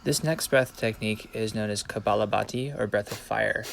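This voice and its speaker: A man giving measured, explanatory instruction in a voice-over about practice and technique. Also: on the low side, vocal fry, a bit bright, a little hiss or hum. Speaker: breathwork and ice bath practitioner giving instruction.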